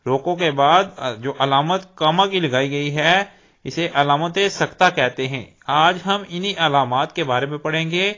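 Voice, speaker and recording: A man giving a slow, deliberate grammar lesson, explaining terms and repeating examples. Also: on the high side, bright, forceful tone. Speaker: Urdu teacher. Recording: dull lo-fi recording.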